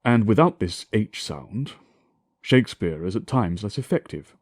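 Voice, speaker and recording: Male lecturer, slightly low voice, highly varied pitch, formal and declamatory, scripted scholarly read with Shakespearean English touches. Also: very animated, no echo, clean studio sound. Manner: formal, deliberate, declamatory delivery with emphatic enunciation. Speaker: lecturer on historical English pronunciation.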